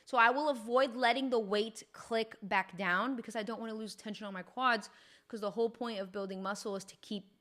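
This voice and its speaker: A woman's voice: a little high, fairly bright tone. A young woman fitness coach explaining gym technique in a chatty, upbeat, informal way. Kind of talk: casual instructional talk.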